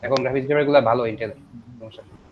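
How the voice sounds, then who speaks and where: A man's voice: mid-range voice, fairly even intonation, very fast, slight background noise. A young man co-hosting an online student Q&A, giving advice in a chatty way and checking in with the listeners. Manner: chatty, advising, keeps checking in with "yeah?". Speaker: senior student co-host. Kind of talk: casual online Q&A. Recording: dull muffled call audio.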